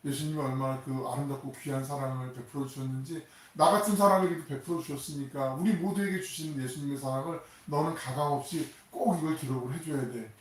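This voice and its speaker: A man voicing the apostle Peter during a sermon, slowly and earnestly pleading with a friend. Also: medium pitch, fairly even intonation, lightly acted. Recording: echoey church sound from a distant mic.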